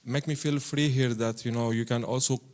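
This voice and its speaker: Guy from syria talking on a panel, lots of uhs and restarts, mid pitch. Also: steady tone, a little mellow. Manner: halting, many fillers and restarts. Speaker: panel speaker. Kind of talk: panel discussion.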